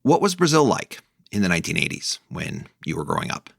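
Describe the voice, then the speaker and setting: A man hosting an economics podcast, introducing the topic and his guest in a clear, measured, emphatic way. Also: low-pitched, wildly swooping pitch, no room sound, clean studio sound. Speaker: podcast host. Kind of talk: scripted podcast narration and interviewing.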